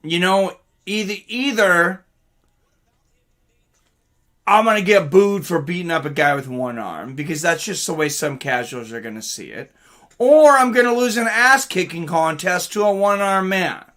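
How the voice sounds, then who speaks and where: Animated and sharp-toned, his high voice moves at a measured pace as he hosts a casual live stream reacting to fights. The man chats informally throughout, welcoming viewers and reading their comments aloud.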